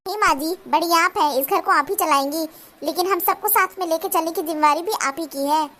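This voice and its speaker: A woman's voice: very high-pitched, brisk, bright, forceful tone. Woman voicing a defiant young daughter-in-law. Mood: reasoning. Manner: retorting, argumentative. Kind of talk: cartoon voice acting.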